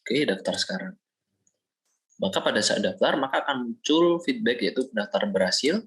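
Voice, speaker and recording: A young man from Indonesia, a student, explaining a software project step by step in a screen-recorded walkthrough, often pausing with fillers. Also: medium pitch, lively intonation, rough recording. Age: young adult. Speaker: student presenting a project demo.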